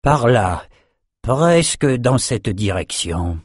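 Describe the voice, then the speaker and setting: A man voicing a self-assured old male wizard in an audiobook, speaking slowly and deliberately. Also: medium pitch, sing-song, slightly rough, dry recording, studio quality, exaggerated voice. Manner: slow, deliberate.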